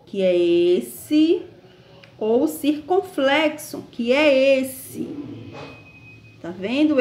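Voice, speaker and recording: A woman with a Brazilian Portuguese accent speaks very slowly, stretching each word the way a teacher does for young children. Her voice sits a little high. The recording has the roomy echo of a plain room. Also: a little mellow. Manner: slow, patient, over-articulated classroom delivery. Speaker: primary school teacher. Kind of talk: recorded online lesson. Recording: echoey room.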